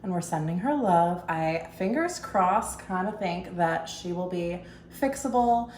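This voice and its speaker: A woman's voice: on the low side, lively intonation, a little slow, darkish tone, echoey room, a little hiss or hum. A young woman in her twenties chatting casually to the camera in her kitchen while making food, bubbly and full of "you guys" and "like". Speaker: vlogger. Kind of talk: casual vlog chat. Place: home kitchen. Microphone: camera mic, then phone.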